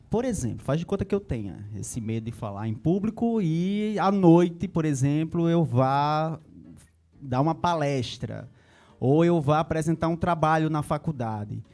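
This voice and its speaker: A man's voice: a little high, expressive, measured pace, darkish tone. A man with a Brazilian Portuguese accent hosting an interview, nodding along with short agreements and asking questions through examples. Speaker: host. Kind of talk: conversational interview.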